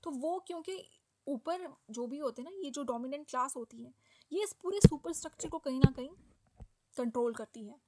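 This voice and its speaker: A woman teaching a sociology exam-prep lecture in mixed Hindi and English. She explains step by step, often checks in with "okay?", and slows down to stress key English terms. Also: high-pitched, animated, warm tone, slight background noise, low-quality recording.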